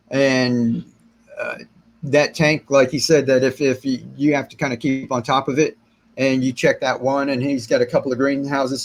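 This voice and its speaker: The recording is rough, capturing a middle-aged man's mid-range, slightly raspy voice as he hosts a gardening livestream Q&A. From a small room with plant-filled shelves, he reads and responds to viewer comments, relaxed and rambling, with frequent restarts and fillers and hand gestures.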